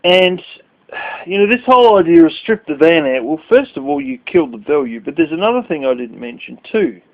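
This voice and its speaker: A man's voice: fairly high pitch, very animated, fairly quick, vocal fry. Sleepy, blunt man on tinny audio. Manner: blunt, swearing, rambling. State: sleepy, yawning late at night. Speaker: vlogger. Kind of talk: casual rant to camera.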